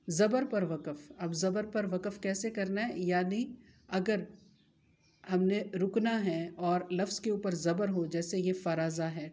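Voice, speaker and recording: A woman's voice: fairly low pitch, warm tone. A woman with an Urdu-speaking accent teaching a religious lesson, patiently explaining each rule and asking rhetorical questions that she then answers herself. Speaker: Quran recitation teacher. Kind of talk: explanatory lesson with recited Arabic.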